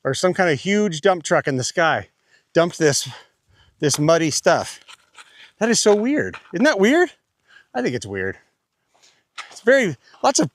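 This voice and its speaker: A high, very animated man talks as he hikes through a breezy desert, rambling and joking as he goes. His voice bounces all over the place, and the sound is close and dry. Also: dry recording. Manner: chatty, rambling, playful. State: out of breath while climbing. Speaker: vlogger, hiker. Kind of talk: casual chat on a desert hike.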